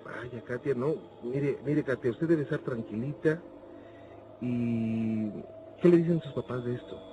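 A man's voice: medium pitch, measured pace, highs cut off, noisy background. Soothing male radio host. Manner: soothing, reassuring. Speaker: radio host of a paranormal call-in show. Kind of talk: radio call-in show.

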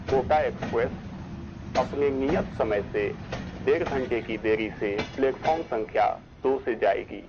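A slow, formal train announcement by a man over a station loudspeaker. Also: medium pitch. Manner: measured, official phrasing. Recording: muffled station PA with loud background noise.

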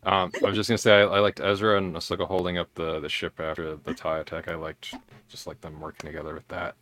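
A man's voice: low voice, flat delivery, fast, fairly bright tone. A man hosting a podcast, chatting casually and drifting into hesitant tangents. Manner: rambling, tangent-prone, hesitant. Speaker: podcast host. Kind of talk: casual podcast recap chat.

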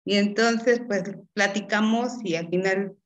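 A woman professor with a Mexican Spanish accent, answering interview questions. She talks in an encouraging way, laughs often and keeps checking in with a quick "¿sí?". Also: medium pitch, fairly even intonation. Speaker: chemistry professor.

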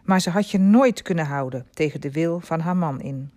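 A woman's voice: low-pitched, moderate pace. A woman doing a firm, kindly old showman. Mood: gently persuasive. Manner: firm, then gently persuasive. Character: older male traveling showman, stern but kindly.

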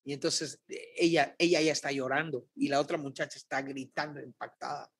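A middle-aged Mexican woman, a guest prophet, telling a lively faith story on a podcast and acting out the dialogue. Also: very deep voice, brisk, husky. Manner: animated, acts out dialogue.

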